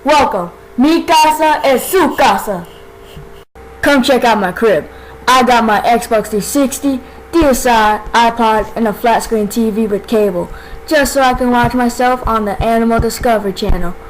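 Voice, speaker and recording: A cocky young male mongoose who brags in easy slang, voiced by a woman. The voice sits a little high, with a faint hiss of noise behind it. It sounds like an amateur storybook recording. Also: normal speed, close to an everyday voice, low-quality recording. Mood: boastful. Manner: relaxed, boastful slangy delivery. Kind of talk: amateur storybook role reading.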